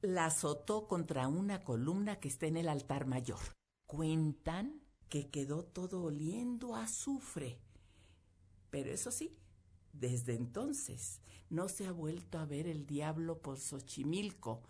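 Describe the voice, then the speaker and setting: A woman radio host telling a folk tale lively, speaking straight to her listeners. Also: deep voice, slow pace, husky. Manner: lively, addresses listeners directly.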